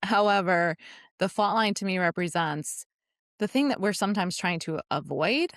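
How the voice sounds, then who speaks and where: A woman's voice: fairly low pitch, normal speed, dry recording, studio quality. A woman from New York co-hosting a business podcast, explaining ideas reflectively and checking in with her listener. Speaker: podcast co-host. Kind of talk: casual conversational podcast talk.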